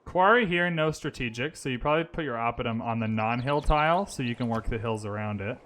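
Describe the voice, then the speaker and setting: A man who lives in Vancouver streams a strategy game, reasoning through his moves out loud and chatting casually with viewers. His medium-pitched voice is brisk with a fairly bright tone, fitting easygoing gaming commentary.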